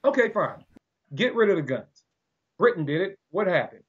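Argumentative man, husky and a bit high. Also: normal speed. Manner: animated, argumentative, often acts out quoted voices. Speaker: podcast guest, gun-rights advocate. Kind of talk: casual podcast conversation. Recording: dull lo-fi audio.

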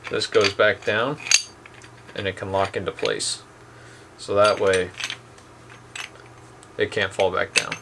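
In a dim room at home, a young man casually shows two boat anchors for his channel. His lowish voice moves slowly with long pauses and plenty of ums, and background noise is present.

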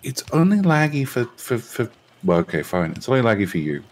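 A man's voice: mid-range voice, sing-song, fairly quick. A man co-hosting a game session, with dry, sarcastic remarks. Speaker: co-host and player. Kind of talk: casual gaming chat.

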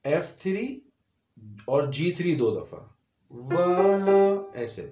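A man's voice: a little high, very animated, unhurried, mellow, reverberant. A man giving a piano and vocal lesson, explaining notes step by step and singing short phrases between his explanations. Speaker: music teacher. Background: piano playing.

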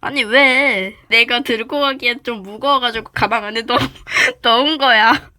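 A pushy, mischievous big-sister girl, put on by a woman, in a toy-play cartoon. She sounds bright and high, careless and dismissive in her tone. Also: unhurried. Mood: offhand.

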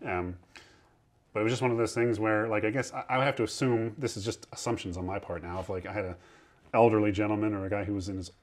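A man's voice: lowish voice, fairly even intonation, quick pace. A man in his thirties guiding a tour below deck on a historic ship, explaining in a chatty way with a lapel mic. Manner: chatty, explanatory, acts out quoted sailors. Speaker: museum ship guide.

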